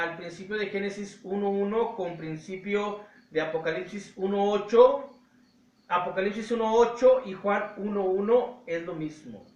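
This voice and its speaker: A Mexican man teaching a Bible study, emphatic and slowing down to stress key words. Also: high-pitched, recorded from a distance. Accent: Mexican Spanish. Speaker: preacher. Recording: roomy echo, voice from off-mic.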